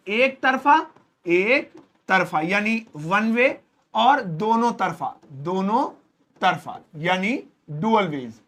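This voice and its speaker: A man teaching spoken English to camera, who asks questions and answers them himself and slows down to spell out English phrases. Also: sits high, a bit bright. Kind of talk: spoken English lesson explained in Hindi. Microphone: speaking to camera.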